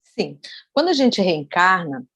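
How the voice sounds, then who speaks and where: A woman with a Brazilian accent giving an online study talk, telling stories in an animated way and repeating words for emphasis. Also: on the low side, unhurried, husky, no room sound. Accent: Brazilian Portuguese. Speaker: invited speaker. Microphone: video call.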